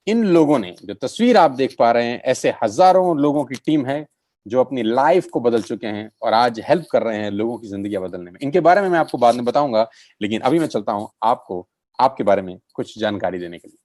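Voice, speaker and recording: A man's voice: mid-range voice, lively intonation, a little fast, a little mellow, no echo. A middle-aged man giving a persuasive business opportunity presentation, repeating phrases for emphasis and calling listeners his friends. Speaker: network marketing presenter.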